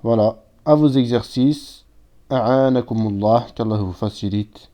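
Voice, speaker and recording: A man's voice: medium pitch, moderate pace, mellow. A man teaching a recorded language lesson, patiently explaining step by step and reading out words with their translations. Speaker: Arabic teacher. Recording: dull lo-fi sound.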